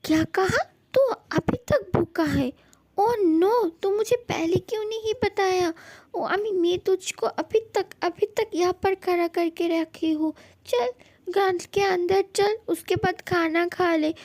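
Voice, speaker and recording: A woman voicing a scolding, soft-hearted mother. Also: very high-pitched, slow pace, full character voice. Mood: fussing. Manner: scolding, then fussing and bossy. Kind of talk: fan dub audio drama.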